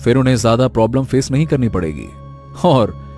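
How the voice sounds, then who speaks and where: A man's voice: mid-range voice, expressive, a little fast, mellow, soft background music, natural voice. Aryan, a man doing an impatient young businessman. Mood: persuasive. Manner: impatient, insistent. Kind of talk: audio drama voice acting.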